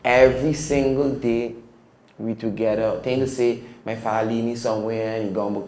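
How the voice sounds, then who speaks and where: A man's voice: medium pitch, fairly even intonation, normal speed, a little mellow, echoey room. A man with a Caribbean English accent, a DJ recounting his life in a casual, reflective podcast interview. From Caribbean (Statia). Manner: reflective, emphatic, slangy. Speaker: podcast guest, DJ.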